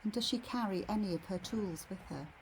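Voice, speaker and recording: A woman leading a guided meditation in a serene, soothing, soft and slightly husky voice. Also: mid-range voice, a little hiss or hum, low-quality recording. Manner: serene, unhurried, soothing delivery.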